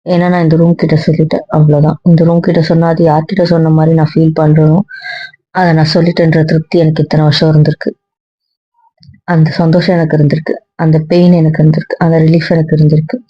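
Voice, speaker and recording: ஒரு பெண் நடிகை, தன்னை நியாயப்படுத்திப் பிடிவாதமாகப் பேசும் மனம் உடைந்த இளம் பெண்ணாக நடிக்கிறார். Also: female voice, low voice, little pitch movement, fast talker, no room sound. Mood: emotional. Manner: emotional, insistent, repetitive. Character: hurt young woman defending her refuge. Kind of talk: web serial monologue. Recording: dry dull lo-fi sound.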